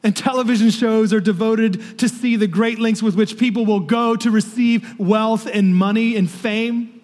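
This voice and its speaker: A man preaching a sermon as pastor, slow and emphatic, falling to a hush on key phrases. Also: sits high, fairly even intonation. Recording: reverberant hall.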